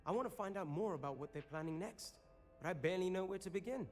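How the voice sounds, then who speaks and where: Anxious coffee shop owner. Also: male voice, sits high, animated, quick pace, darkish tone, soft background music. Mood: worried. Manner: worried, hesitant, earnest.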